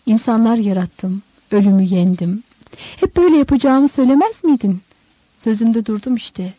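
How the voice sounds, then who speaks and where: A woman voicing a calm, gentle male teacher who speaks softly in an audiobook story. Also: fairly high pitch, moderate pace, dry recording, close to an everyday voice, poor audio. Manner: calm, soft-spoken.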